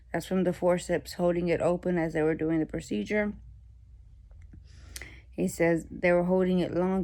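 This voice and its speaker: A woman speaking in a casual video diary, weary and halting, her speech labored by a sore throat after surgery. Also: fairly low pitch, vocal fry, darkish tone. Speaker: patient vlogging surgery recovery.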